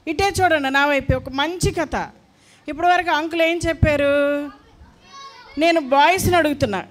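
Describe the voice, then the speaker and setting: A woman's voice: high-pitched, a little hiss or hum. A woman leads a class of small children. She is firm and coaxing, and she repeats her orders to keep the room in line. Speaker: Sunday school teacher. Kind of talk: teaching young children.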